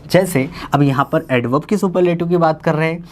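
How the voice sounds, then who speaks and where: Man teaching English grammar in Hindi. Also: fairly high pitch. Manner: explains slowly, repeats and translates each example; calls viewers "bhaiya".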